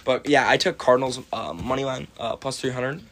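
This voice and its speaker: A man's voice: mid-range voice, expressive, fairly quick, fairly bright tone. A young American man hosting a casual sports betting chat, talking like a frat bro with slang, swearing and banter. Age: young adult. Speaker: sports betting podcast host.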